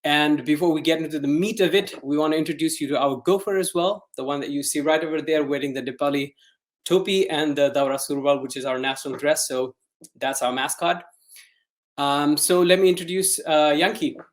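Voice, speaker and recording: A man presenting a community talk in a friendly, relaxed way. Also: fairly high pitch, fairly quick. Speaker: conference speaker.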